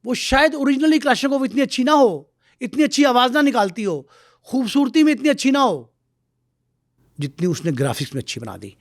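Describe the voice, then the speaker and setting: A middle-aged man speaking as a guest on a talk show, telling stories in a lively way and acting out the voices he quotes. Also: extremely high pitch, no room sound, studio quality. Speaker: guest expert. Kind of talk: animated talk-show storytelling.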